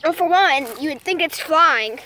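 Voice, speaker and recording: This young nature vlogger's voice is high, bright, and forceful, expressive but unhurried, with a little hiss or hum on the audio. She's in a backyard shooting a casual vlog on a handheld phone, rambling and hesitating with lots of "like" and "I mean," as birds chirp faintly behind her.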